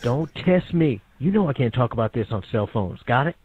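A man's voice: mid-range voice, expressive, brisk, slightly rough, no echo. A man playing a hostile young man making aggressive, threatening demands over a phone call.

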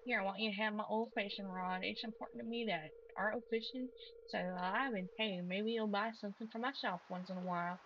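A woman's voice: mid-range voice, steady tone, a little fast, highs cut off, slight background noise, close to an everyday voice. A woman voicing a friendly old male fisherman in a put-on country drawl, reading game dialogue aloud in a folksy, hearty way. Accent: put-on American country drawl.

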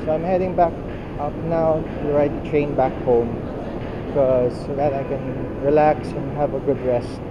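A man in his thirties filming a casual walking vlog in a large indoor mall, narrating in a rambling, slightly halting way into a handheld camera. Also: on the high side, steady tone, noisy background. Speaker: vlogger. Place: large indoor shopping mall, nearly empty. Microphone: action camera held at arm's length. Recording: muffled camera audio with loud mall ambience.

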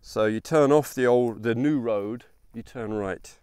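Unhurried and medium-pitched, a man in his thirties talks informally as host of a history hiking vlog, slipping in wry asides along a countryside trail. His darkish voice is clean with no echo, with outdoor noise and open-air ambience around him.

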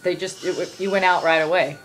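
A middle-aged woman with a slightly low voice talks casually as a mother would. She is gentle and reassuring, asking simple questions in a small clinic room, with music in the background. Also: fairly even intonation, quick pace, rough recording. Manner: gentle, reassuring, uses endearments. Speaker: mother looking after her son. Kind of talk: casual chat.

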